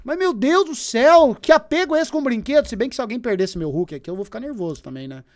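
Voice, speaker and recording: High, lively sarcastic man streaming. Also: quick pace. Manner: sarcastic, teasing, swings from loud to muttered. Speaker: streamer reacting to a debate. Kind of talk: mocking live react commentary.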